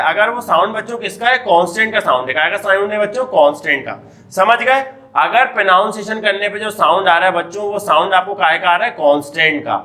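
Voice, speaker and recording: A man's voice: high voice, sharp tone. An Indian man teaching English grammar in a classroom, asking his students questions and answering them himself. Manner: repeatedly asks and answers his own questions, addressing children. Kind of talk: classroom lecture.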